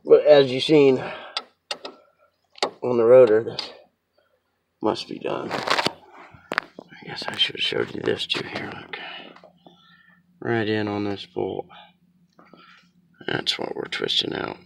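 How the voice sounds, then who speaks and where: Out in a yard on a slope, a man with a sniffly, stuffy cold shows how he does a car repair, his talk chatty, rambling and self-deprecating. The voice is medium-pitched and creaky, slow, with long pauses. There's slight background noise in this casual how-to.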